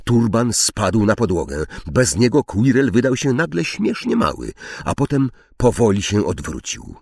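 A man reading a storybook aloud as narrator, slow and dramatic with drawn-out pauses. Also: on the low side, huge pitch swings, vocal fry, a little mellow, dry recording, clean studio sound. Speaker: audiobook narrator.

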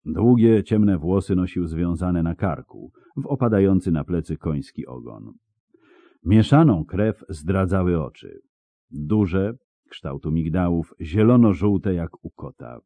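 A man's voice: low-pitched, animated, unhurried, no echo, phone-quality sound. A man narrating an audiobook with vivid, dramatic storytelling. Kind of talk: scripted narration.

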